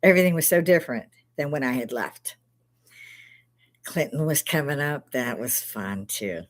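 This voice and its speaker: An older Chicago woman with a bass voice and a Chicago accent speaks expressively at a normal speed. Hosting a live stream, she tells rambling anecdotes in a casual storytelling chat, laughing often and swearing freely.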